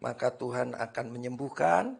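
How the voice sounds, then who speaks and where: A man's voice: medium pitch, moderate pace, vocal fry, husky. A male pastor preaching a sermon at a church service, speaking emphatically and often addressing the congregation directly.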